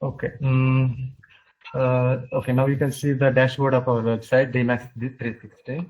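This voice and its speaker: A man pitching his team's project in a product demo, talking over a video call while sharing his screen, halting and full of filler sounds. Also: flat delivery, darkish tone. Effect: video call audio while sharing his screen. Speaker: hackathon team presenter. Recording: muffled video call audio.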